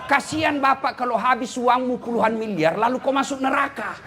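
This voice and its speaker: High-voiced joking Indonesian preacher. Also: male voice, a little fast, crowd noise. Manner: animated, joking, teasing the audience directly. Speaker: Islamic preacher. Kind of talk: humorous sermon to a congregation.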